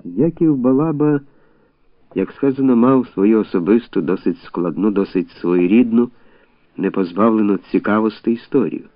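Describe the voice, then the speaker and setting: A man giving measured literary audiobook narration. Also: fairly low pitch, no room sound. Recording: tinny dry phone-like audio.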